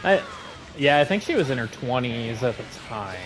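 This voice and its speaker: Easygoing mid-pitched male streamer. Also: expressive, moderate pace, a little hiss or hum, poor audio. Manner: easygoing, agreeable, laughs often, many fillers. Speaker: streamer co-host. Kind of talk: casual chat over a live game stream.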